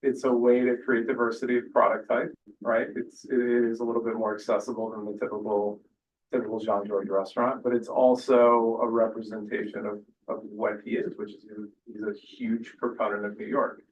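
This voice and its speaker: A man's voice: fairly low pitch, flat delivery, normal speed, a little hiss or hum. Man, restaurant operator representative, explanatory, repeats himself, distant, muffled sound. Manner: explanatory, self-correcting, fond of "I think". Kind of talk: public meeting testimony.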